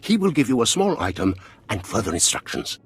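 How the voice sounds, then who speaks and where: An actor playing a terse male underworld contact in a video game, with a husky voice and curt, low-key instructions. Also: very animated, fairly quick.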